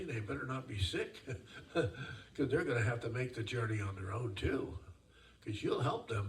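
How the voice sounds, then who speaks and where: A man's voice: mid-range voice, darkish tone. A man working as a seance medium, giving live spirit readings in an emphatic, repetitive, conversational way. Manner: addresses listeners as dear and sir, repeats phrases. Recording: roomy, distant mic, faint noise.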